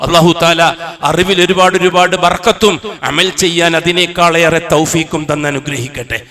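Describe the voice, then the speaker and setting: A man preaching a Friday sermon in a mosque with a Kasaragod Malayalam accent, slowly chanting Arabic verses and then explaining them with impassioned force. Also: fairly high pitch, steady tone, pushed and bright.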